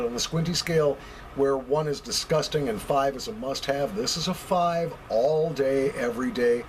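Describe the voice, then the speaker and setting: A man's voice: mid-range voice, a little hiss or hum, low-quality recording. An American man giving a casual, conversational review to camera, repeating phrases for emphasis. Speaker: pipe tobacco reviewer. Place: basement.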